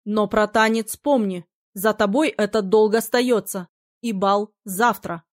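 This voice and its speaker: A woman's voice: mid-range voice, fairly even intonation, normal speed, dry recording, clean studio sound, natural voice. A woman reading the lines of a domineering male battle mage, commanding and silky by turns. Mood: softened. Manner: commanding, then silky and menacing.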